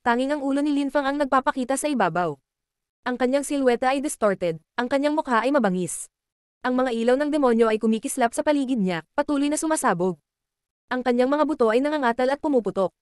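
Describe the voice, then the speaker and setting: A woman narrating a martial-arts web novel chapter aloud, reading rapidly and evenly. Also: high voice, animated, a little mellow, clean tone, dry recording, clean studio sound. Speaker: audiobook narrator.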